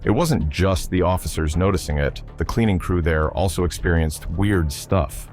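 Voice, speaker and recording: A man's voice: sits low, moderate pace, darkish tone, faint music behind. A man reading scripted narration with a building, ominous suspense. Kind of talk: scripted true-crime narration.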